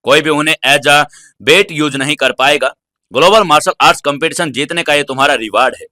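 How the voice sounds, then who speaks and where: A man's voice: a little high, brisk, sharp tone, no room sound. A male narrator voicing a firm, authoritative martial arts alliance president. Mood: assured.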